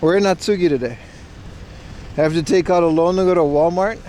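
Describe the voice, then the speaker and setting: A man's voice: on the high side, fairly quick, warm tone, slight background noise. A man talking into a livestream headset mic, rambling casually outdoors as a live-stream host. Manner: rambling, laid-back, swears casually. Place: outdoors in a city, near a parking garage.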